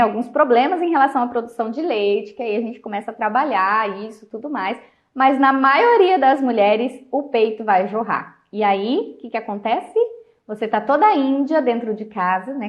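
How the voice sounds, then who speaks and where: A woman talking casually on a live stream, chatty, laughing often and trailing off softly at the ends of phrases. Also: on the high side. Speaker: host. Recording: dull lo-fi live-stream audio.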